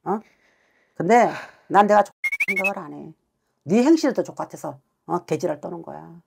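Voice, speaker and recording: A woman's voice: lowish voice, expressive, moderate pace, vocal fry, noisy background. A woman shaman harshly scolding a client during a consultation. She swears as she berates, and keeps demanding answers. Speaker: shaman fortune teller.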